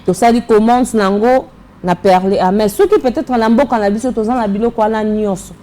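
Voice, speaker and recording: A woman's voice: a little high, fairly quick, warm tone. A woman with a Congolese French accent, a fashion designer answering interview questions in a casual way, switching between French and Lingala and searching for her words.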